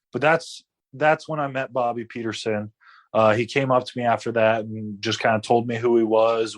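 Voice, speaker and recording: Late-twenties male guest, low-pitched, chatty and rambling. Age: 20s. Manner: rambling, many fillers and restarts. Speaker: guest athlete. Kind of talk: casual interview storytelling.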